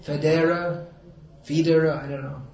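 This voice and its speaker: Brief: man preacher with a slightly high voice, wry and emphatic, distant mic in a roomy hall, dull sound. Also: steady tone, normal speed, creaky, a little mellow. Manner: sarcastic and wry, then earnest and emphatic. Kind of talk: sermon.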